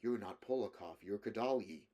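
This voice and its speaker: A gruff, curt bounty hunter, read by a man in a dropped, low voice. He answers short and flat, quiet and dismissive in this audiobook reading. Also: normal speed, close to an everyday voice. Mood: terse. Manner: terse, dismissive.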